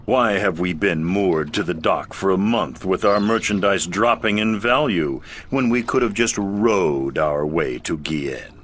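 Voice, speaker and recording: Sarcastic sea captain. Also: male voice, sits low, animated, fairly bright tone, slight background noise. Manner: dry, sarcastic, drawn-out delivery. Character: sarcastic stranded merchant ship captain man.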